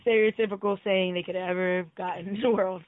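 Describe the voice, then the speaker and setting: A man's voice: high-pitched, little pitch movement, quick pace. A young man in casual late-night game chat, laid-back and slangy. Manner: laid-back, slangy, fond of sound effects. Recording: tinny phone-like line, dry.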